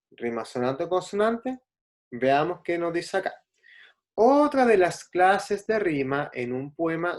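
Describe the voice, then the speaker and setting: Slow, patient male teacher. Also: a little high. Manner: patient, checks in with "¿cierto?" and "¿ya?"; spells out letters and syllables slowly. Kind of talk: classroom explanation.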